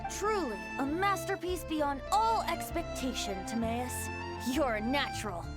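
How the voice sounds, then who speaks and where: Cheeky boy bard, light high voice, teasing, takes his time, music under it. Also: animated, a little slow. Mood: flattering. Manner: teasing, flourishing. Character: playful, theatrical boyish male bard teacher. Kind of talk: video game voice acting.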